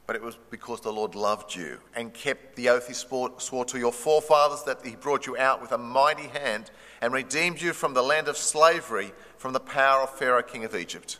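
A man, preaching a sermon in short measured phrases that pause for an interpreter. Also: medium pitch, bright, forceful tone. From Australia. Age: 60s. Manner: measured, pausing for translation. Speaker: pastor. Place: church hall. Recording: long reverb of a church hall.

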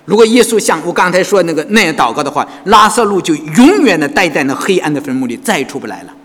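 In a church hall, a pastor preaches fast and animatedly, his high voice swinging widely in pitch with a slightly husky tone. A long reverb trails each phrase as he keeps turning to the congregation with rhetorical questions.

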